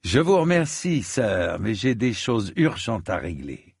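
A man's voice: on the low side, very animated, measured pace, vocal fry, breathy edge, no room sound, clean studio sound, exaggerated voice. A man voicing a big, earnest young hedge knight in an audiobook, guarded and plain-spoken.

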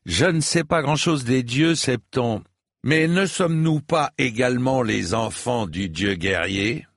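Brief: earnest young knight, voiced by a male narrator, somewhat raised voice, husky grain. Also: mid-range voice, measured pace, dry recording, clean studio sound, pitched above the performer's own voice. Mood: firm. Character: young hedge knight, plain and steady.

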